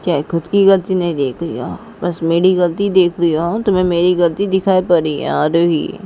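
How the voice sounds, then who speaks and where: A woman's voice: lowish voice, brisk, vocal fry, warm tone, a little hiss or hum. A woman voicing a young woman in a lovers' quarrel, first begging forgiveness, then scolding and pressing with repeated questions. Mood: reproachful. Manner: keeps asking "haan?" insistently.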